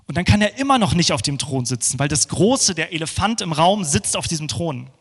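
A man delivers a sermon, his voice sitting a little high for a man. He builds into fervent passages, then drops low and hushed as if praying. A long reverb from the church hall trails after his words. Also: animated, a little fast, breathy edge. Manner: swings between rising fervent passages and hushed, low prayerful ones. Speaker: preacher.

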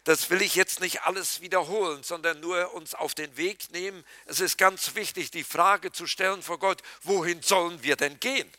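A man preaching a sermon to his congregation, addressing them informally and dropping to a hushed voice for quoted scripture. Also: high voice, fairly even intonation, normal speed, hardly any pauses, dry recording. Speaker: pastor.

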